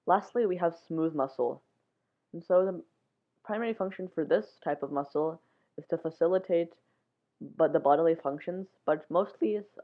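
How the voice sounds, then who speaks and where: A science show host giving a casual, informal explainer in plain steps. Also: medium pitch. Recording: muffled, phone-like narrow sound.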